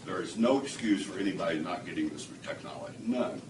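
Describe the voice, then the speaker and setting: A man's voice: low-pitched, quick pace. A man telling his testimonial to a small audience, acting out the dialogue and laughing often. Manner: animated storyteller, acts out quoted dialogue, laughs often. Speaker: testimonial speaker at a product demo. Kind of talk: storytelling testimonial to a live audience. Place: indoor room with a small audience. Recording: echoey room from a distance, audible background noise.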